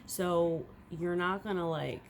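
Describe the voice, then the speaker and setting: With a gravelly voice on the low side, a young first-time mom takes it slowly in her casual home vlog, keeping a fairly even intonation. She's candid and rambling, moving from hushed to loud, over slight background noise.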